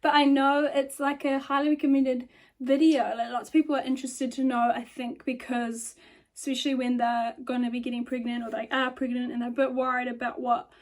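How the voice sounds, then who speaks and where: A young woman in her twenties talks in a bright, high voice, chatting casually on camera. Her delivery is rambly, full of ums and likes, and she sounds slightly out of breath. She records on her phone in a bedroom lit by a lamp. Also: little pitch movement, brisk. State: a bit out of breath. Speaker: vlogger.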